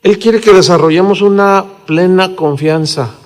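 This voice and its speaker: A man in his sixties with a Mexican accent, preaching a sermon in a relaxed, conversational way, with fillers and tag questions. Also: sits high, unhurried. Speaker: pastor. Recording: reverberant hall.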